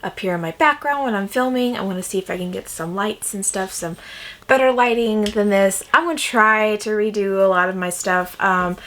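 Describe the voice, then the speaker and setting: A woman's voice: medium pitch, moderate pace, fairly bright tone, a little hiss or hum. Chatty woman vlogging. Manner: chatty, rambling, with fillers and self-corrections. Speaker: craft vlogger. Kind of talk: casual chat to camera. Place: bedroom set up for filming.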